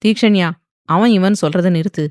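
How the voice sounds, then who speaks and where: A woman voicing a calm, affectionate middle-aged father. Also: medium pitch, normal speed, no room sound, clean studio sound, lightly acted.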